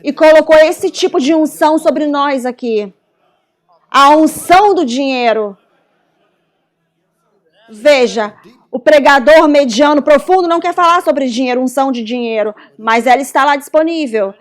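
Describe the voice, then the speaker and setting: A woman interpreting a preacher's sermon, with fervent, repeated shouted exhortations. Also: high voice, moderate pace. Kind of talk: live interpretation of a fiery sermon.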